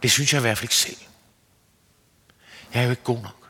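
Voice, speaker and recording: A man giving an earnest, searching sermon as a preacher, his pitch rising and falling. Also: bright, forceful tone, breathy edge. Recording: long hall reverb.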